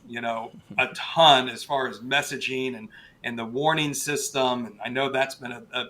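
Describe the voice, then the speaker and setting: A man speaking as an interview guest and weather expert, explaining conversationally in a halting way with emphatic stresses. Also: mid-range voice, fairly bright tone. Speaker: guest, television chief meteorologist.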